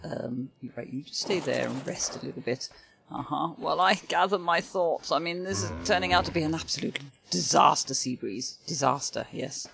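A woman's voice: deep voice, normal speed, creaky, fairly bright tone, a little hiss or hum. An older woman chatting casually to the creatures in her game as she plays and comments, with frequent exclamations and sighs. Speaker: gaming video host. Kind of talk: casual let's-play commentary. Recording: game music playing behind.

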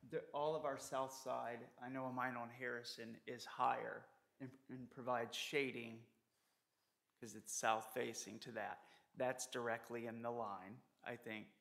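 A man's voice: mid-range voice, level tone, a little slow, vocal fry, fairly bright tone. A man on the city council, thinking aloud and asking questions during a meeting. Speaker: council member.

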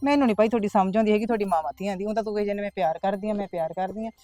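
A woman's voice: medium pitch, warm tone, no room sound, faint music behind, natural voice. A middle-aged woman playing an aggrieved younger sister who rattles off complaints in a village family drama. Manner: complaining, rapid-fire grievances.

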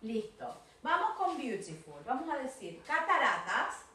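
A woman's voice: high voice, sing-song, a little slow, bright, forceful tone, heavy reverb, far from the mic. A woman with an Argentine Spanish accent teaching an online English lesson, coaxing and prompting her student, repeating words for drills.

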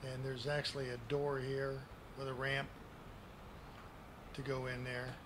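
A man in his sixties with a folksy grandpa manner talks through a game tour in plain, casual language. His delivery is unhurried and his pitch sits in an ordinary male middle range. He speaks into a desk microphone, with clear noise on the home recording. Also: completely flat delivery. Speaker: gaming video creator giving a base tour.

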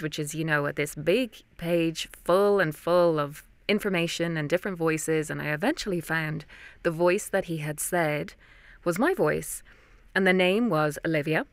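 In a small padded recording booth with a close, dry studio mic, a young Irish woman who works as a voice actor chats through her story in an interview. Her voice is low but fairly bright, with no trace of room sound.

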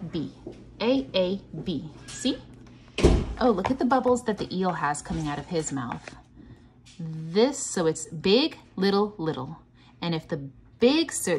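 Seated indoors at a table, a woman teacher reads a picture book to children in a read-along lesson. Her voice sits on the low side and is slightly rough, and she encourages the kids, asks them questions, and chants patterns aloud.

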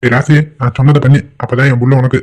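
A man voicing a greedy middle-aged village thief, gruff and boastful. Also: mid-range voice, level tone, quick pace, darkish tone, lightly acted. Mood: scheming. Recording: dull lo-fi audio.

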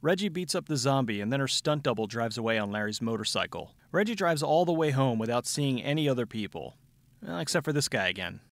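A man with a medium-pitched voice narrates a scripted movie recap. He is sardonic and wry, recorded close and dry. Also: animated, brisk, no echo. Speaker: film review show host. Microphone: close studio voice-over mic.

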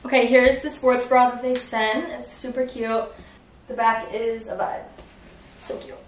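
A young woman in her twenties talks straight to a phone camera in a bubbly, chatty vlog voice. Her voice sits a little high, and the phone picks up plenty of steady background noise around her. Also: measured pace. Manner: chatty and upbeat, heavy use of "like" and "so cute". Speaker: vlogger. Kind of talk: casual vlog narration.

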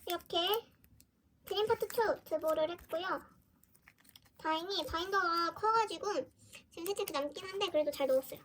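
A woman with a high, light voice talks casually through an unboxing at her desk at home. She gushes and lets out small soft exclamations as she shows each item. A faint hiss sits under the recording. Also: normal speed, pauses often. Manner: gushing, often exclaiming softly. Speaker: fan vlogger.

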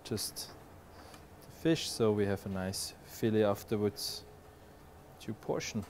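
A man's voice: on the low side, slow pace. Chef guy, 40s, explaining his dish in a big kitchen, lots of uh's, light background hum. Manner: relaxed, explanatory, frequent "uh" fillers. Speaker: head chef. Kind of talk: explaining a dish while cooking. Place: large restaurant kitchen. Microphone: lapel.

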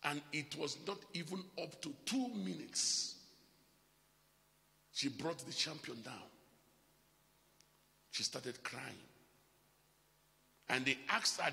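A man preaching a live church sermon as bishop, swinging between loud emphatic calls and quiet asides. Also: on the high side, takes it slowly, creaky, pauses often, long reverb tail.

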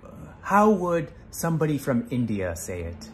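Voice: medium pitch, sing-song, moderate pace. A young adult casting director in a comedy sketch, pushing obliviously for an accent. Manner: pushy, oblivious.

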